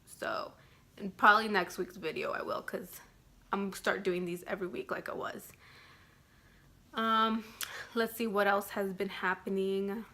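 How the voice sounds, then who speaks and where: A woman's voice: medium pitch, fairly even intonation, a little slow, pauses often, pushed and bright. A woman giving a casual vlog update, rambling and filling her talk with "like" constantly. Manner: rambling, fills speech with "like". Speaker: vlogger.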